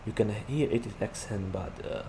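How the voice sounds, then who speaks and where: Game vehicle sounds play beneath this gaming YouTuber, a young man from Slovakia with a Slovak accent who chats rambling-style about his gameplay, leaning hard on "like." His warm voice sits on the low side at normal speed.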